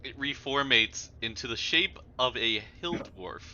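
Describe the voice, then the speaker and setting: A man narrating as dungeon master, relaxed and halting, with fillers. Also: mid-range voice, muffled recording. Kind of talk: narrating a tabletop game.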